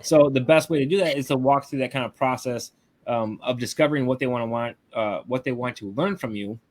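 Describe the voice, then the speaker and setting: A man's voice: mid-range voice, brisk. A man teaching online marketing on a live video call in a casual way, often ending his points with a questioning tag. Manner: casual, tags lines with "right?".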